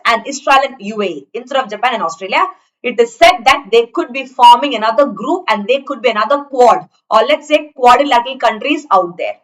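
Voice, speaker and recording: A woman's voice: on the high side, a bit bright, poor audio. A woman with an Indian accent teaching in a conversational lecture style, chatty and explanatory, often checking that students follow. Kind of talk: conversational online exam lecture.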